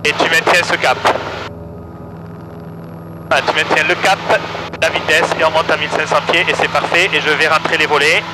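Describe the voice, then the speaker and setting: A male flight instructor talking over a cockpit headset, working through checklists in a calm, methodical way. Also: on the high side, moderate pace, pauses often. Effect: pilot talking over a cockpit headset. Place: small plane cockpit. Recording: loud engine noise behind.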